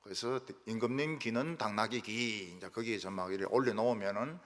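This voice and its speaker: An older man preaching a sermon as pastor, telling stories with lively asides and mimicking how people quarrel in regional dialects. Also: fairly low pitch, fairly quick. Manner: animated storytelling, acts out quarrels in regional dialects. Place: church sanctuary. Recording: reverberant church hall.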